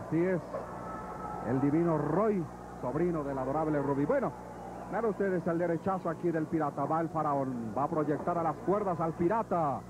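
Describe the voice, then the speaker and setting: A high-voiced Mexican man works as a wrestling commentator, giving live play-by-play. The sound is a noisy old television broadcast from an arena. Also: normal speed. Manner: narrates moves and recounts fighters' past bouts.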